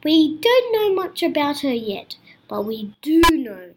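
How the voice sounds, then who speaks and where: A woman's voice: high-pitched, very animated, a little slow, darkish tone, voice pushed up. Kindly monster king, as a woman puts him on. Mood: earnest. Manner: kindly, fond, welcoming. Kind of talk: storybook character voice.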